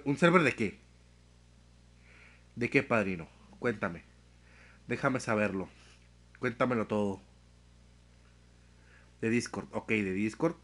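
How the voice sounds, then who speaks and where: A young live streamer with a Mexican Spanish accent and a mid-range voice chats casually. His storytelling is animated and loaded with slang and profanity.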